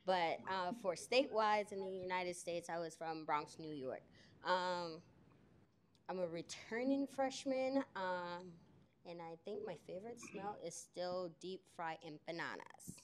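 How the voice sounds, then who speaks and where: A young woman from Colombia, a student, introducing herself in a relaxed, hesitant way. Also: on the low side, a little slow, slight background noise. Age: young adult. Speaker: student committee member. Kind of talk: self-introduction.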